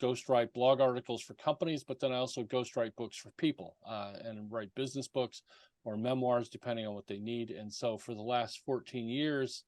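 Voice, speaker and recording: A man's voice: mid-range voice, fairly even intonation, moderate pace, darkish tone, no room sound. A man guesting on an interview podcast, talking about his writing work in an easygoing, joking way with fillers. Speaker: guest, content writer. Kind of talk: casual interview chat.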